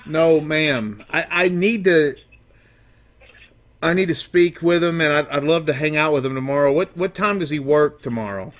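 A man acting as a down-on-his-luck absent father on a prank call. His voice sits a little high for a man. He rambles and halts, stumbling over ums and uhs as he goes. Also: normal speed, natural voice. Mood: pleading, rambling. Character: estranged, down-on-his-luck father, washed-up rock musician. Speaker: prank caller.

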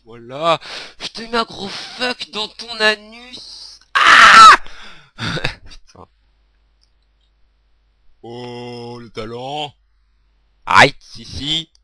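A young man commentating his own gameplay, swearing, shouting at the game, laughing and half-singing to himself. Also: fairly high pitch. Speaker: gaming video creator.

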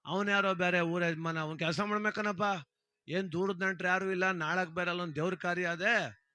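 Bright-voiced man telling a folk tale. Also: high voice, brisk, no room sound. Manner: lively, dramatic and conversational. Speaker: storyteller. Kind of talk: humorous folk storytelling.

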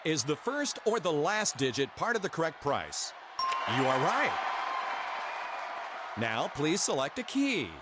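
An emphatic game show host in a video game. His voice is high and very lively, jumping in pitch as he instructs the contestant. Clear game noise runs behind him. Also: unhurried, long pauses, crowd noise. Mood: upbeat. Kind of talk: game show hosting, scripted.

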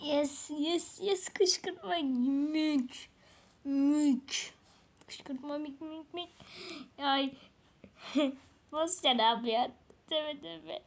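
A woman's voice: high-pitched, very slow, pauses often. A woman giving casual, chatty commentary while playing a game, exclaiming and laughing often. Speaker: gaming channel host.

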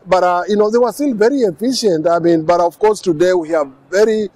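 Kenyan host with a high voice, eager questioner, outdoors. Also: male voice, a little fast, darkish tone, dry recording. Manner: curious, eager questioning with frequent encouraging backchannels. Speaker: interview host. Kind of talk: conversational interview. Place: outdoors on a lawn in front of a building.

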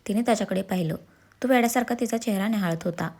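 Mellow-voiced woman narrating a story. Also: mid-range voice, racing.

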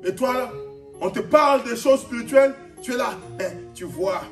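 High-voiced Congolese pastor preaching. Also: male voice, moderate pace, recorded from a distance. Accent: Congolese French. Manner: animated, shouting out, laughing asides. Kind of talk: preaching sermon. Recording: echoey hall, off-mic, music behind.

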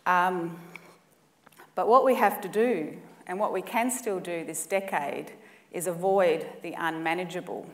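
This Australian woman in her forties has a fairly low, unhurried voice, picked up from a distance by a mic set back in an echoey hall. Standing at a conference lectern indoors, in a conference room or lecture hall, she gives an earnest, emphatic presentation talk, building lists for effect.

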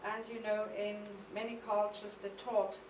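In a medium-pitched, level tone, a middle-aged German-accented artist reads a prepared lecture, partly poetic, at a conference podium. She is measured and reflective, with some hesitations. Her podium mic on a stand is on the stage of a mid-sized studio hall, and the echoey audio, picked up from the camera's distance, has a noisy background.

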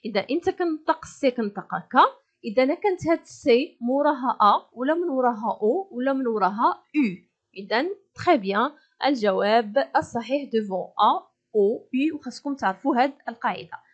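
Woman, Moroccan Arabic accent, high-pitched, teacher, primary lesson. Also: lively intonation, lo-fi sound. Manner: slow careful French, quick Darija explanations. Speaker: French teacher.

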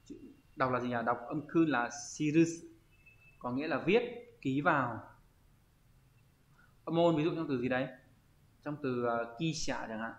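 A man teaching an online kanji lesson, often pausing and thinking aloud as he searches for the word. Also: medium pitch. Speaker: Japanese teacher. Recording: roomy, slightly dull audio.

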